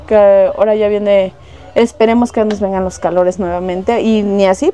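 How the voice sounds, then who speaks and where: A Mexican saleswoman in a shop walks through the goods one by one, giving wholesale prices. She talks casually and is fond of diminutives. Her voice is mellow and warm, at an ordinary pitch for a woman. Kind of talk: casual product showcase. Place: shop indoors.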